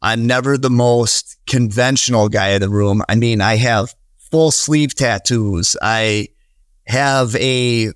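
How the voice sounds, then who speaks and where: The Wisconsin-accented real estate investor, in his thirties, is a podcast guest in a casual interview, earnest and rambling with many fillers and false starts. His mid-range voice is smooth and slow-paced, recorded in clean studio sound with no echo.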